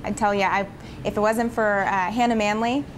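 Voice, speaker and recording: A woman's voice: mid-range voice, steady tone, moderate pace. Young female pageant interviewee, poised yet chatty, mid-range voice, noisy ambience. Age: young adult. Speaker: pageant titleholder being interviewed. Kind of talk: interview answers.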